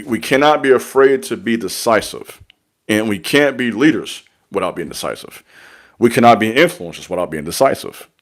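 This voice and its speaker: Earnest young man giving spiritual advice. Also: on the low side. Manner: earnest, repetitive, preacher-like exhortation. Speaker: online spiritual mentor. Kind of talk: motivational spiritual monologue.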